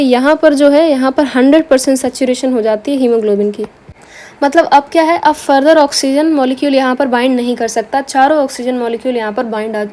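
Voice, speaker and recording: A woman's voice: high-pitched, a little mellow. A woman teaching biology in a lecture, asking herself rhetorical questions and answering them, with terms. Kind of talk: explanatory lecture.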